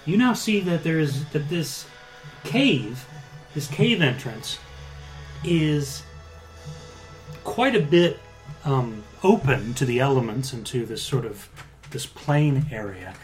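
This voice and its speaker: A man running a tabletop game as game master, improvising scene descriptions in a halting way, rephrasing as he goes. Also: medium pitch, expressive, faint music behind.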